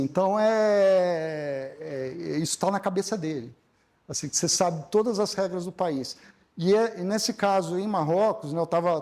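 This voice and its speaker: A Brazilian man giving a corporate talk, telling a travel story in a halting way with many fillers and restarts. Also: sits high, darkish tone. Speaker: corporate speaker. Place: stage at a corporate event.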